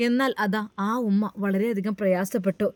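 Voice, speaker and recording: A woman's voice: mid-range voice, steady tone, moderate pace, a little mellow, no echo. A woman with a Malabar accent narrating a moral story dramatically. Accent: Malabar Malayalam.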